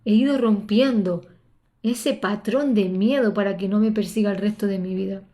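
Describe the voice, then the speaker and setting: A woman with a Spain Spanish accent speaks as a spiritual coach, telling a personal story to motivate her listeners. Her voice sits at a middle pitch, and she talks expressively, repeating words for emphasis. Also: moderate pace, dark tone.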